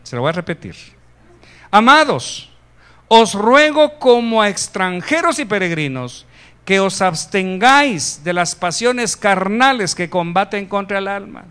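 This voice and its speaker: A man from Guatemala preaching a sermon, animated, jumping to loud emphasis and joking asides with the congregation. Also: sits high, a little slow, clear, resonant tone. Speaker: pastor.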